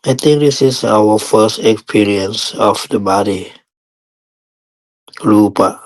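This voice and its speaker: A man with a lowish voice teaches guided meditation, speaking in short, measured phrases separated by long pauses.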